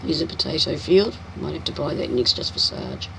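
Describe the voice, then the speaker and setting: An older New Zealand woman streams a farming game, chatting casually and teasingly and narrating her own driving. Her croaky voice is low, fairly quick and swoops wildly in pitch, with background noise present.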